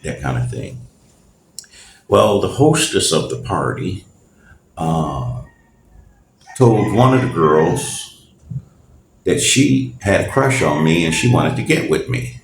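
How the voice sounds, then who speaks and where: A middle-aged man hosting a podcast and telling a story in a casual, slangy way, talking straight to his listeners and chuckling. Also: low-pitched. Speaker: podcast host. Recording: roomy echo, faint noise.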